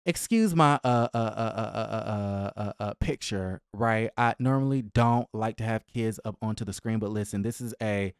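Here a young man with a fairly low voice talks celebrity gossip at normal speed, barely pausing, in a sassy, slangy, emphatic and casual manner. The sound is smooth with no echo, recorded close on a boom-arm podcast mic in a small room at home.

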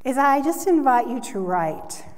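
A woman's voice: high voice, a little slow. Earnest woman preaching in a reverberant church. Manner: earnest, expressive, rising for emphasis. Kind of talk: sermon. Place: church sanctuary. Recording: long hall reverb.

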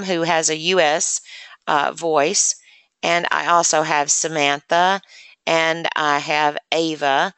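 Low, bright-voiced woman demonstrating software. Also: clean tone, no room sound. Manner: chatty, explains step by step with many fillers. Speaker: assistive technology presenter.

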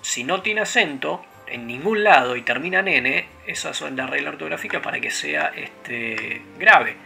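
A let's play host with a gravelly voice and a Rioplatense Spanish accent rambles through casual gameplay commentary, digressing constantly and using lots of fillers. His pitch is fairly high, his tone bright and forceful, and he speaks animatedly at normal speed over video game music.

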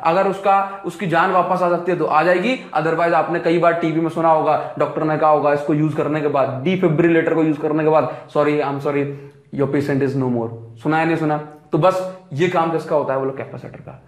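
A man's voice: fairly high pitch, steady tone, a little fast, hardly any pauses, echoey room. A man teaching physics in a classroom lecture, asking questions and answering them himself.

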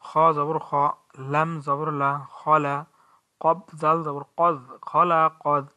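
Male recitation teacher, Bangladeshi Bengali accent, level flat delivery, slightly higher voice, spells out letters methodically. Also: smooth. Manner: spells each letter and vowel, then recites the verse slowly. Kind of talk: slow spelled-out recitation lesson.

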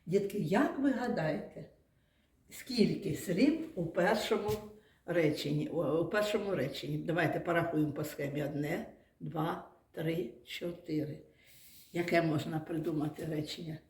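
A woman's voice: low-pitched, normal speed, a little mellow, roomy sound. A woman kindergarten teacher leading young children through a lesson, patiently asking questions, praising answers and spelling out sounds and syllables.

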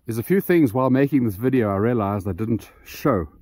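A man's voice: mid-range voice, expressive, fairly quick, darkish tone, breathy edge, no room sound. A man walking through his homemade solar panel mount outdoors, rambling with many ums and restarts, a bit out of breath. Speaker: DIY solar channel host. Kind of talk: casual walkthrough vlog.

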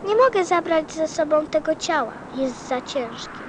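An actress playing a gentle, wistful little boy from a star in a radio play, speaking tenderly. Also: sits high, lively intonation, normal speed, noisy background. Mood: sad, subdued.

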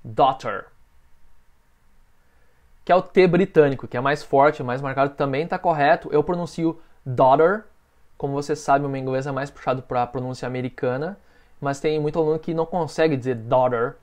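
A man with a Brazilian Portuguese accent teaching a beginners' English lesson, patiently drilling phrases and saying each model sentence slowly. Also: fairly high pitch, a little mellow.

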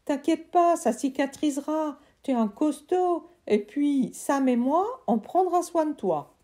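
Storybook boy, cheeky and lively, high-voiced, mellow tone; woman reading. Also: normal speed, natural voice. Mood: reassuring. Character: cheeky young boy trapped inside a tree.

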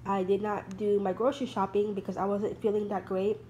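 A woman vlogger in her thirties, with a congested, stuffed-up nose, sits at a table at home showing items in a casual haul video, rambling with many ums. Her mid-range voice is level, brisk, and dark, on a low-quality recording with slight background noise.

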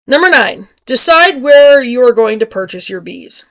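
In a small indoor kitchen with wood paneling overhead, a middle-aged woman homesteader reads an article to her webcam at a normal speed, her fairly high voice animated. She adds offhand comments, now and then fumbling hard words and repeating them, and the sound is dry and lo-fi.

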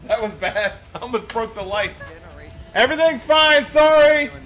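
Excitable high-voiced man, a raging gamer. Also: moderate pace, poor audio. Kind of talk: game livestream chat.

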